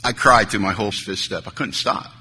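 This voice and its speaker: Male speaker telling his recovery story on a stage mic, bright and forceful, in a reverberant hall. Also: fairly low pitch, a little fast. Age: 30s or older. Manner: earnest, storytelling, acts out dialogue. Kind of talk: recovery talk to an audience. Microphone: stage microphone. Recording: hall reverb, faint noise.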